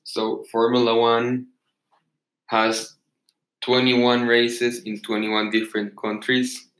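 Young guy explaining slowly, stops and starts, lowish voice, room echo. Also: completely flat delivery, fairly bright tone. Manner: halting, unhurried answers with pauses. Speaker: guest expert. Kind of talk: casual interview. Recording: echoey room.

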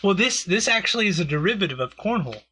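A man's voice: sits high, sing-song, fast, pushed and bright, slightly rough. A man chatting casually and joking sarcastically, who grew up in a Mexican community. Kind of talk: casual chat.

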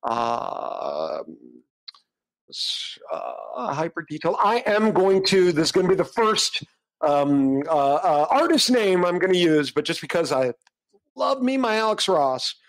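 A man's voice: high voice, lively intonation, normal speed, poor audio. A man co-hosting a casual livestream, rambling with restarts and laughing often while demonstrating AI image prompts.

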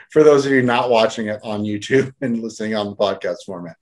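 A man's voice: fairly low pitch, fairly quick, a little mellow. Earnest, emotional male podcast host. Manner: earnest, emotional, a bit nervous on camera. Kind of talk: casual podcast talk.

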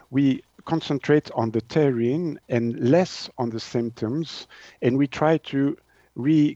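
This naturopath and author, a Swiss man in his sixties whose first language is French, speaks with a Swiss French accent as he fields interview questions. His medium-pitched voice has a dark tone, and he talks in a conversational, hesitant way, groping for words. The recording has no room sound and the highs are cut off.

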